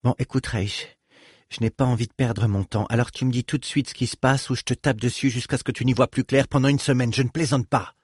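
A man voicing a blunt, sharp-tongued female bodyguard in an audiobook, curt and commanding. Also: mid-range voice, fairly even intonation, fairly quick, husky, no echo, clean studio sound, natural voice.

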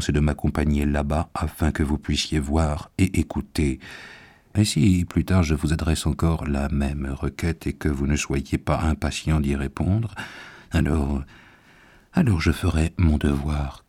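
A man voicing a grave, patient old professor in a storybook reading, speaking in solemn, measured tones. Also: a bass voice, fairly even intonation, dark tone, slightly rough, heavily acted. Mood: pleading.

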